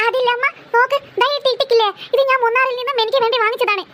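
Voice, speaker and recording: [name], a woman doing a shrill bossy cartoon girl. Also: steady tone, racing, fairly bright tone, no room sound. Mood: indignant. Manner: shrill, scolding, insistent. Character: bossy squabbling girl, possessive older sister. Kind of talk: cartoon voice acting.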